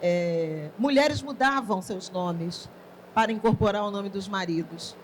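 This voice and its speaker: A woman's voice: medium pitch, unhurried, slight background noise. A woman with a Brazilian Portuguese accent interviewing a writer on stage in a conversational manner, sharing her own stories between questions.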